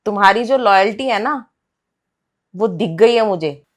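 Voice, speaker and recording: A woman playing a young wife who confronts her cheating husband with sharp, sarcastic accusations in a comic family skit. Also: mid-range voice, animated, measured pace. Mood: accusing.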